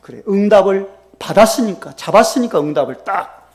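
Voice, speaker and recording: Man, pastor, sermon, high voice, gravelly, lively pitch, loud bursts and soft drops. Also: normal speed. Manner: animated preaching, acting out quoted prayers with sudden loud bursts and soft drops.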